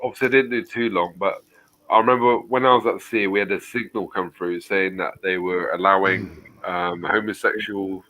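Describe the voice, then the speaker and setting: A low-pitched man with a bright, forceful tone hosts a casual chat with friends. He tells blunt stories and swears freely. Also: steady tone, normal speed, low-quality recording. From England. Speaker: channel host.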